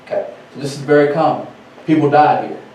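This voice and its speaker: A man, teaching from scripture and history in an animated sermon style, reading passages aloud and riffing on them. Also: fairly high pitch, fast, muffled recording, slight background noise. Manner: animated, reads aloud then riffs in casual speech. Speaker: teacher at a ministry. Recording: echoey hall, from far off.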